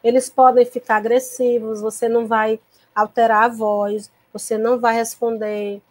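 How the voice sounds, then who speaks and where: A woman teacher from lectures other teachers on a video call, her voice sitting a little higher than most women's. She explains calmly and patiently, often pausing to check that her listeners follow. Her throat sounds tickly, as if she needs to cough. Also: no room sound. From Piauí, Brazil. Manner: calm, patient explaining with frequent checking tags. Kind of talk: recorded online lecture to teachers.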